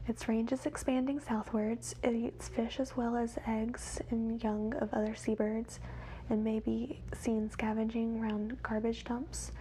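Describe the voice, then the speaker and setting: A woman whispers wildlife facts in a soft, measured ASMR reading, as quietly as someone watching animals. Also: a little high, little pitch movement, a little hiss or hum, low-quality recording. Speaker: ASMR host.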